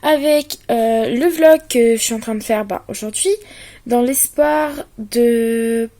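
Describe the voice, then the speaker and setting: A woman's voice: on the high side, slow pace, warm tone. A young woman from France chatting casually through a home vlog, self-mocking and full of fillers. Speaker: vlogger. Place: home, indoors.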